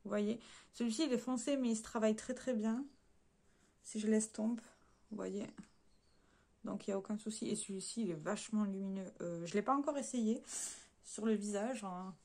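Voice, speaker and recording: A woman's voice: mid-range voice, moderate pace, pauses often, dark tone. A woman chatting casually through a beauty haul, hesitating often with fillers and correcting herself as she talks straight to her viewers. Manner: addresses viewers directly while showing swatches. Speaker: beauty vlogger.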